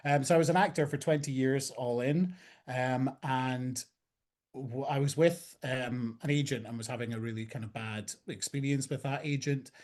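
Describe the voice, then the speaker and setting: A Scottish man in his forties, a talent agent guest, talking in a relaxed, chatty way with many ums. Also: medium pitch, normal speed. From Scotland. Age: 40s. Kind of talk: casual conversation.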